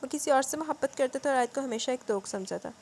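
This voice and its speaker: A woman's voice: sits high, darkish tone, slight background noise. A woman reading a romance novel aloud, breaking in with wry, colloquial asides. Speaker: novel reader.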